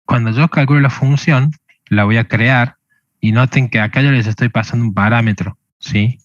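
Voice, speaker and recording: A man teaches a programming lesson, walking through each step and pausing on a questioning "¿sí?" to check that his students follow. His voice sits at a middle pitch. The recording is dull and dry, with no room sound. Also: no room sound. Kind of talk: screen-recorded coding lesson.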